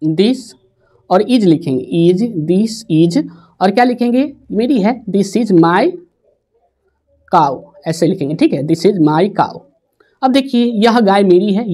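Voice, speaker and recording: A woman teaching an English grammar lesson to students, repeating each example and dictating sentences slowly word by word. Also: fairly low pitch, a little mellow. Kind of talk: classroom lesson.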